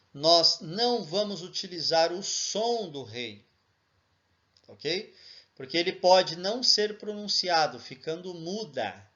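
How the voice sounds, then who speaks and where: A man with a Brazilian Portuguese accent gives a patient, explanatory lesson, pausing often to check that listeners follow. His voice sits a bit high and sounds bright and forceful, and he speaks slowly. The recording is dull and lo-fi. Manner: patient, checks in with frequent tag questions. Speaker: teacher.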